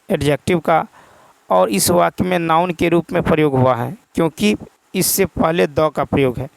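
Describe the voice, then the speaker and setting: This is an exam prep teacher explaining a practice test one answer at a time: he repeats each key term, asks himself for the answer, and reads the English questions slowly, word by word. His voice is fairly high and creaky, in a dry, low-quality recording.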